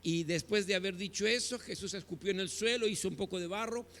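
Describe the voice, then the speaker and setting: High, bright-voiced preacher. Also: male voice. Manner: emphatic, asks rhetorical questions and answers them; stretches key phrases slowly. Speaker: pastor. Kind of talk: sermon. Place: church. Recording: reverberant church hall.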